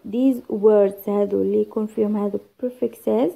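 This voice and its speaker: A woman's voice: mid-range voice, fairly even intonation, unhurried, vocal fry, warm tone, breathy edge. A woman with an Algerian accent teaching an exam-prep lesson, mixing dialect with English terms and counting syllables aloud. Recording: tinny phone-like sound.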